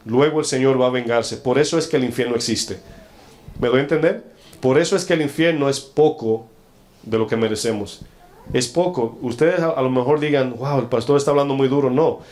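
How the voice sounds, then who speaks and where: Stern and confrontational, this pastor preaches in a medium-pitched, darkish voice, challenging the congregation with rhetorical questions. When he reads scripture aloud, his pace slows.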